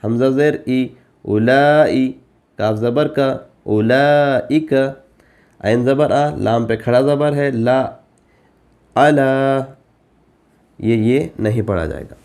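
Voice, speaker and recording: A male Quran reading teacher spells out each syllable at a very slow, deliberate pace, with his pitch sitting in an ordinary middle range. He pauses between letters and vowel marks, then breaks into quicker explanations of the reading rules. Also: a little mellow.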